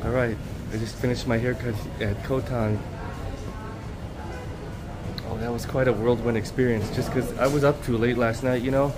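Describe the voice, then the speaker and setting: A man's voice: mid-range voice, little pitch movement, brisk, poor audio. A middle-aged man chatting casually to camera and to people around him as a travel vlogger. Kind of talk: casual chat to camera and locals. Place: small tiled barbershop, then outdoor food alley. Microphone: handheld camera at arm's length. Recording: clear background noise, street and shop ambience.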